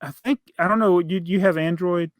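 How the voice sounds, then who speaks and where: A man's voice: sits high, fairly quick, no echo. A middle-aged man hosting a podcast, telling rambling stories in a casual chat and laughing often. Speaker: podcast host.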